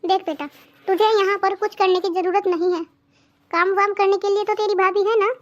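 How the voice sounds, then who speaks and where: A woman voicing a bossy mother-in-law in a cartoon who scolds loudly and commands. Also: very high-pitched, flat delivery, a little fast, highs cut off. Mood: scolding. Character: bossy middle-aged Indian mother-in-law, favors her daughter. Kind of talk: cartoon voice acting.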